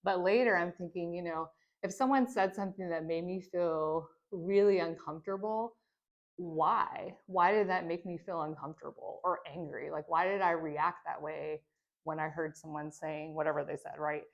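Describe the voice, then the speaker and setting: Woman, lower-pitched voice, church teacher, conversational lesson, reflective, frequent fillers and tag questions. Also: fairly even intonation, moderate pace, creaky, dull audio. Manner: reflective, speaks from own experience. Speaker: teacher of a church training course.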